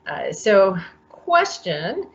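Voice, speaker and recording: A woman moderating a workshop panel over a video call, measured and welcoming as she introduces each speaker. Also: mid-range voice, wildly swooping pitch, dull audio. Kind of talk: hosting a panel.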